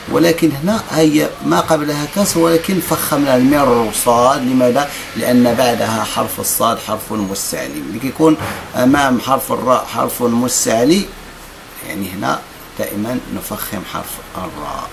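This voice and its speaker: A man with a Moroccan accent teaching tajweed, stretching out recited words slowly, then explaining quickly in Moroccan dialect. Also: medium pitch, creaky, background noise. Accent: Moroccan Arabic. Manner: alternates drawn-out chanted recitation with quick explanations. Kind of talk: tajweed lesson with slow demonstrative recitation.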